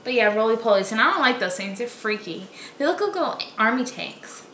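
A woman's voice: a little high, very animated, fast talker, pushed and bright, slight background noise. A woman in her twenties with a light Boston accent, chatting casually and playfully in slangy speech. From Boston area, United States. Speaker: vlogger reading out challenge questions. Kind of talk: casual chat. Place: small room at home, indoors. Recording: roomy home echo.

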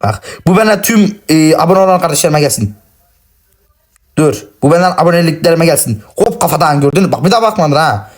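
A man narrating his gameplay in quick, excitable bursts, cursing at teammates and joking at his own expense. His voice sits a touch high. He plays on a phone and talks over the match. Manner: excitable, cursing, self-mocking. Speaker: gaming channel host. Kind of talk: casual gameplay commentary. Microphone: playing on a phone.

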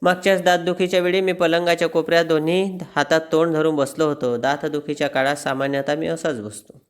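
A man giving an expressive, wry reading of a humorous essay, like a teacher reading a lesson text aloud. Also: on the high side, a little fast, clear, resonant tone. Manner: wry, self-mocking storytelling.

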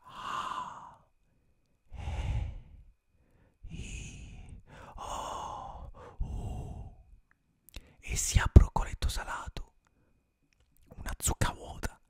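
In a dry recording, a young man who streams ASMR tells a fairy tale in a slow, breathy whisper broken by long pauses. He sits in a small dim room strung with colored lights, speaking into a close studio mic with earphones on.

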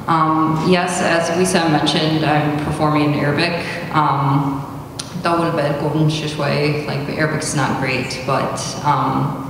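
A young woman stands at a podium in a big hall for a spoken word open mic, stumbling through many fillers before she reads her poem. Her voice sits low with a level tone and moderate pace, captured from far off by a camera, so the stand mic sound is echoey and noisy.

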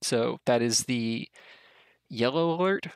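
A man's voice: medium pitch, lively intonation, takes it slowly, clear, resonant tone, no room sound. A man narrating as game master of a tabletop game, easygoing with fillers.

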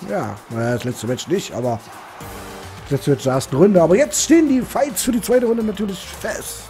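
A man co-hosting a game video, calmly explaining how the tournament works to viewers. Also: high-pitched, moderate pace, faint music behind. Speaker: let's play co-host. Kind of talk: casual gaming commentary.

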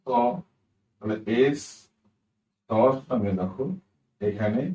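A man with a fairly low, mellow voice walks through an English pronunciation lesson, spelling each word letter by letter, repeating it slowly and constantly asking "right?". The sound is roomy and rough, picked up by a distant mic.

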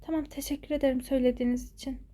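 A woman voicing a worried schoolgirl who fears for her friend, speaking anxiously and often in a hushed voice. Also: sits high, little pitch movement, very fast.

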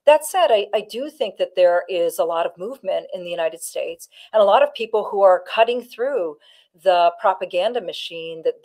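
A woman's voice: fairly low pitch, darkish tone. A woman from Canada, a former negotiator, giving a firm interview answer and stressing her key points. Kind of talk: political interview.

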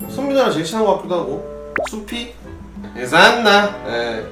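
Young man, Gyeongsang accent, high and animated streamer voice, distant roomy mic with faint music under him. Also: normal speed. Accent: Gyeongsang Korean. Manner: casual, rambling, answers chat questions. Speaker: streamer, former pro gamer. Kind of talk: solo drinking livestream chat.

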